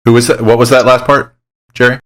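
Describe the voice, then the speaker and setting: A man's voice: mid-range voice, little pitch movement, fairly quick. A man playing a tabletop game, speaking earnestly. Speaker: player.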